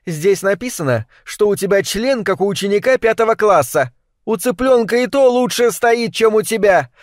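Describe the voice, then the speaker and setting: A mocking, shrill young wife in her late twenties, as a male reader puts her on. She nags with a raised, needling voice, recorded close and dry with no room sound. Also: lively intonation, moderate pace, no room sound. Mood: scornful.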